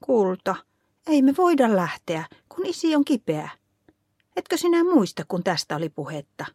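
A gentle, patient mother, as a woman reader puts her on, talking softly and soothingly. The voice sits a touch higher than the reader's usual, in a dry, close storybook recording. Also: very animated, no room sound.

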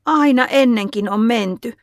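Lady doing a little kid voice, pitched way up, whiny and pleading, dry close sound. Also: big pitch swings, no room sound. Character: young boy, eager then sulky.

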